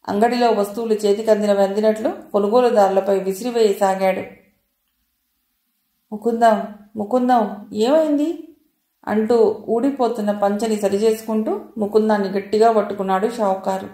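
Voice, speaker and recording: A woman reading a family drama novel aloud with steady, expressive storytelling. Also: mid-range voice, normal speed, roomy sound. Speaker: audiobook narrator. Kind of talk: scripted narration of a novel.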